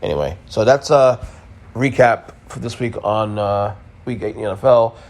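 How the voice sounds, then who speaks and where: A man's voice: on the low side, normal speed. Opinionated man hosting a casual sports recap. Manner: emphatic, opinionated, repeats himself, mild swearing. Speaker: sports podcast host.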